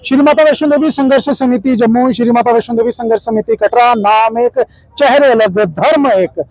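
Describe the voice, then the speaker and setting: A man's voice: extremely high pitch, normal speed, a little mellow, no echo, rough recording. A male news anchor introducing a guest and putting formal, pointed questions to him.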